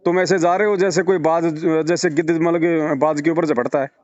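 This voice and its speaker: A religious devotee presses his case over the phone to a follower, leaning on rhetorical questions and emphatic repetition. His fairly high voice stays steady, a little mellow, at normal speed, with no room sound on the dull, lo-fi call.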